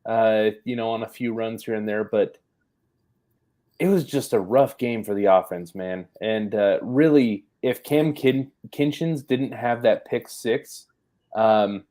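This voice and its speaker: A man's voice: on the low side, measured pace, warm tone. Man musing over a football loss. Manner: thoughtful, hedging, many fillers. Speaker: sports podcast co-host. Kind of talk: casual postgame football chat.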